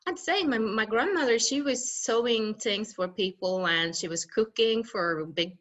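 A woman's voice: fairly high pitch, a little slow, fairly bright tone. A woman with a Norwegian accent answering interview questions, hesitant and full of fillers. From Norway. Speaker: guest, mountaineer and entrepreneur.

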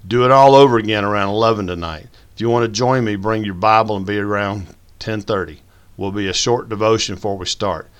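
A man's voice: lowish voice, a little fast, smooth, natural voice. A man voicing a stern pit master. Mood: instructing. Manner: folksy, plainspoken sayings. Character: older Southern male pit master, stern and steady.

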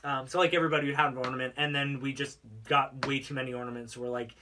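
This man talks fast and flatly at medium pitch while co-hosting a casual studio podcast, hesitating constantly with likes and ums. He's a bit distant from the mic, and background noise is audible.

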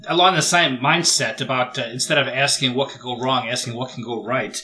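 Bright, chatty male podcast host. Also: medium pitch, steady tone, brisk. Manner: agreeable, chatty, light laughter. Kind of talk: casual conversation.

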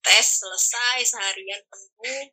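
A young woman with an East Javanese accent tells her own story to an interviewer. Her voice sits a little high and sounds very bright. She talks in an animated, casual way and acts out the people she quotes. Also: a little slow, low-quality recording. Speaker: guest telling her story.

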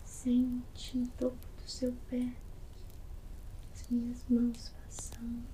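A Brazilian woman doing an ASMR role-play as a massage therapist, soothing and gently guiding in a soft, breathy soft voice. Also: a little high, monotone, takes it slowly, a little hiss or hum, poor audio.

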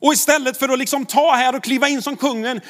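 A man's voice: very high-pitched, fairly even intonation, fairly bright tone. A man, a pastor, preaching a sermon in a conversational way, with rhetorical questions to the congregation.

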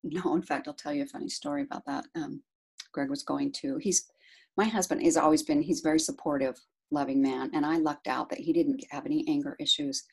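A middle-aged woman talking about being a caregiver, chatty and animated, laughing often as she tells a story. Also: low-pitched, brisk, vocal fry, husky. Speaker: guest, caregiver to her husband. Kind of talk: casual interview storytelling.

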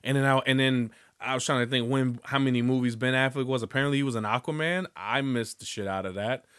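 A man's voice: medium pitch, fast, a bit bright, clear, resonant tone, no room sound, studio quality. A man hosting his own podcast, rambling loosely with lots of swearing and jokes. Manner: rambling, profane, loose and joking. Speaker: podcast host. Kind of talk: casual solo podcast monologue.

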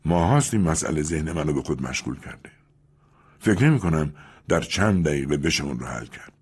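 A man's voice: a bass voice, animated, a little mellow, breathy edge, exaggerated voice. A man doing a bitter, accusing rich man. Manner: stern, accusing. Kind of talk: audiobook character reading.

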